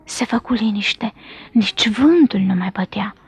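Woman, storybook narration, expressive, hushed moments, dry close sound. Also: medium pitch, creaky, slightly rough, dry recording. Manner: expressive, dips to a hush.

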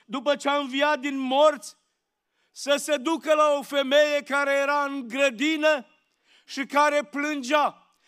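A man preaching a sermon in a church, slow and emphatic, asking rhetorical questions. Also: very high voice, sharp tone.

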